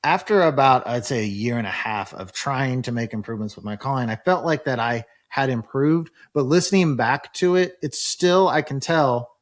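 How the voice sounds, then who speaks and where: A man's voice: mid-range voice, normal speed, hardly any pauses. A man hosting a casual interview as a learner, talking in an informal, colloquial way. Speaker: host and learner.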